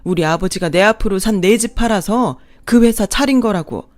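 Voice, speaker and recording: A woman voicing a long-suffering mother-in-law who speaks with a forceful, cutting, defiant manner. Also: mid-range voice, normal speed, natural voice. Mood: fierce.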